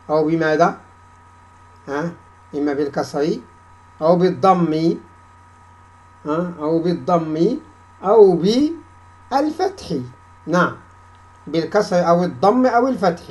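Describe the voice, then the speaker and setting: A man teaching a grammar class, reciting examples slowly and prompting students with repeated questions for them to answer back. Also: on the high side, a little mellow, poor audio. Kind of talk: classroom lesson with call-and-response.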